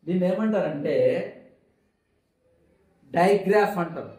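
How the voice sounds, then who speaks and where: A man's voice: high voice, a little slow, a little mellow. Man teaching phonics in a very echoey room. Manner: asks questions and answers them himself, drilling repetition. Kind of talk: classroom-style phonics lesson.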